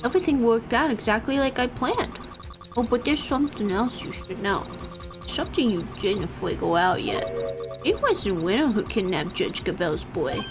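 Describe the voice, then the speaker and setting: A woman's voice: fairly high pitch, lively intonation, normal speed, music in the background. A woman voicing a sinister male caller who hides his voice with a voice changer, taunting as she reads game dialogue aloud. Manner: mocking, taunting. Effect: voice-changer disguise, imitated vocally.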